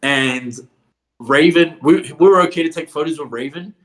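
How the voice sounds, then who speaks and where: A man's voice: fairly high pitch, moderate pace, fairly bright tone. A man, a wrestler guest, telling stories casually. He swears freely, laughs often, and fills his speech with "like". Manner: swears a lot, laughs often, filler-heavy "like". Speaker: professional wrestler, podcast guest. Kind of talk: casual storytelling.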